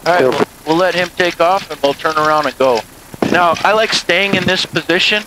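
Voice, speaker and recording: An older man with a fairly high voice, talking calmly and patiently as a flight instructor. He speaks through a headset intercom in an open cockpit. A loud propeller engine roars under every word. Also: brisk, very noisy. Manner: calm, patient coaching. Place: open cockpit of a biplane, outdoors. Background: roaring propeller engine.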